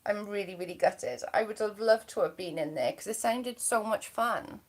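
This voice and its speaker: At a moderate pace and in a mid-range voice, a woman from Wales hosts a livestream, reading aloud comments from viewers and chatting in a bubbly, gossipy way. Her accent comes from near the English border.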